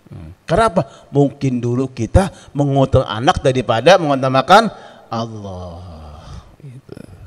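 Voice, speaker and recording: Man, preacher, animated sermon storytelling, pitch swings widely, long hall reverb. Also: normal speed. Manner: animated storytelling, acted quotes, laughing asides. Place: prayer room.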